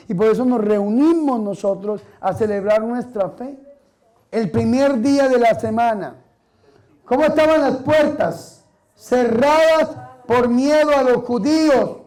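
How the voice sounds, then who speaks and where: Very high-voiced priest preaching. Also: male voice, darkish tone, low-quality recording. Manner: emphatic preaching, asks the congregation questions and answers them. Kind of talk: sermon.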